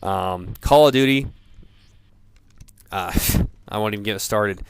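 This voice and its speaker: A man in a profane off-the-cuff gamer rant, sounding drunk, rambling haltingly and repeating himself. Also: fairly low pitch, smooth, no room sound. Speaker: gamer ranting about video games.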